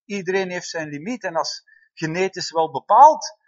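Lively preacher with a high voice. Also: male voice, normal speed. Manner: lively, calls out "amen" and "hè?" to the congregation. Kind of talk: sermon. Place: church hall before a congregation. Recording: dull, slightly lo-fi sound.

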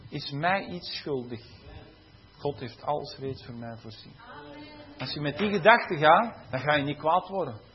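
Man, sermon, lively storytelling preacher, slightly high voice, dull lo-fi sound. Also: a little hiss or hum. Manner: conversational and animated, laughing at his own stories, tag questions.

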